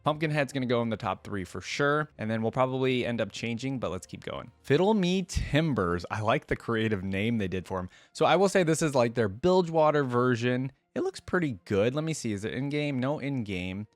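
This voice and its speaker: Speaking fairly quickly with few pauses, a man with an expressive mid-range voice hosts a reaction video about game content. His commentary is casual and off-the-cuff, thinking aloud as he goes. There's no room sound, just soft background music.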